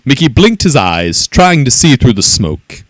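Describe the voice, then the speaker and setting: A man reading a children's story aloud in an expressive, animated way. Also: mid-range voice, a little slow, no room sound.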